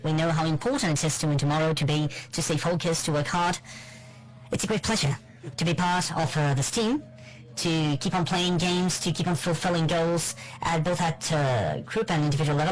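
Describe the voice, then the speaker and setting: A press conference interpreter giving live simultaneous interpretation into English, halting and measured, with frequent fillers. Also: medium pitch, poor audio.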